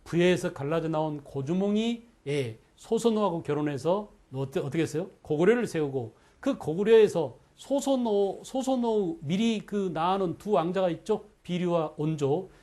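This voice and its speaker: A man teaching an exam-prep history lecture, animated, constantly checking in with students through quick questions. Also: high voice. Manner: animated, asks the class frequent quick questions.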